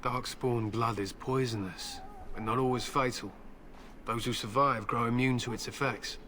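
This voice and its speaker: The speaker is a game character: a stern male human warrior and grim hunter who keeps war hounds. His mid-range voice, close to everyday speech, has fairly even intonation and a moderate pace as he talks solemnly and curtly, proud of battle and his hounds, with background noise and loud game music behind him.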